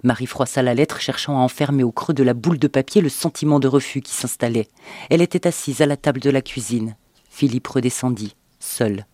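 A man reading a novel aloud as narrator in an expressive, dramatic audiobook style. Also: mid-range voice, fairly quick, no room sound.

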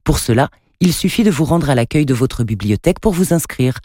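A man narrating a storybook in a steady, even reading voice. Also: mid-range voice, a little fast. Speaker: narrator and radio presenter.

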